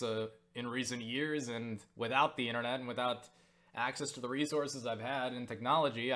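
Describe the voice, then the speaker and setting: A young man with a mid-range voice answers viewer questions in a casual vlog. He rambles with lots of fillers and restarts, swears offhandedly, and gets animated when excited.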